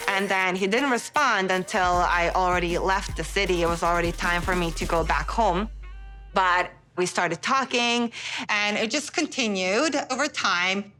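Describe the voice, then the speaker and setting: A woman's voice: mid-range voice, moderate pace, soft background music. Candid giggly woman from Bosnia. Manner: giggly, candid, animated storytelling. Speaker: reality show cast member. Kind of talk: confessional interview.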